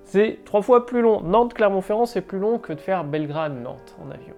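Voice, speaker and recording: A man's voice: high-pitched, expressive, normal speed, vocal fry, mellow, faint music behind. Chatty informal French man vlogging. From France. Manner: chatty and informal, punctuated with "bah" and "boum". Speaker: entrepreneur vlogger. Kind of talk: casual monologue to camera.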